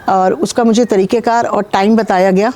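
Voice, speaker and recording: A woman from Pakistan speaks as a guest healer in a sit-down interview. Her voice is mellow and warm, and she tells her story in a calm, measured way with frequent pauses. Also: mid-range voice, slight background noise. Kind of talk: interview, recounting personal experiences.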